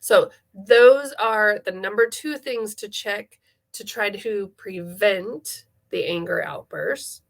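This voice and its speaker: A middle-aged woman play therapist giving calm, instructive parenting advice, repeating key phrases for emphasis. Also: mid-range voice, takes it slowly, gravelly. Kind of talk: instructive parenting talk to camera.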